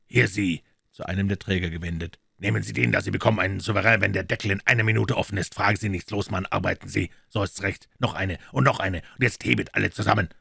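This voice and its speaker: A man reading an audiobook, voicing an urgent, commanding detective with a brisk delivery. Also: deep voice, steady tone, creaky, a bit bright, breathy edge, dry recording, clean studio sound, exaggerated voice. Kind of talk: audiobook character voice.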